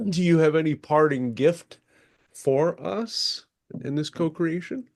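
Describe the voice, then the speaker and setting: A man's voice: on the high side, expressive, takes it slowly, a little mellow, no room sound, clean studio sound. A man hosting a casual group conversation. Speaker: host, moderator. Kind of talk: casual chat.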